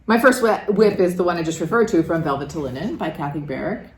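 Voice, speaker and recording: Older woman, low-pitched, chatty, thoughtful explaining, echoey room. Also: expressive, fast talker. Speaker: co-host. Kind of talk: casual craft chat.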